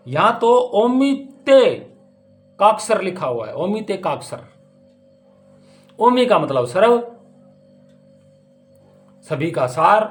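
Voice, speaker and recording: High-voiced man giving an emphatic spiritual discourse. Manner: emphatic, with rhetorical questions. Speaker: spiritual teacher. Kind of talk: spiritual discourse explaining scripture.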